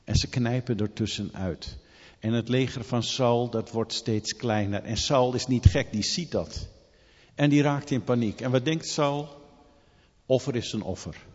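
Husky preacher in a reverberant hall. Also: male voice, mid-range voice, measured pace. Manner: animated storytelling, rhetorical questions. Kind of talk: sermon. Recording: long hall reverb, dull lo-fi sound.

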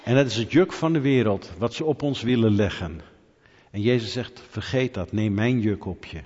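A middle-aged man preaching a conversational sermon, asking rhetorical questions and building to animated emphasis. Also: lowish voice, normal speed. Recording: dull hall reverb.

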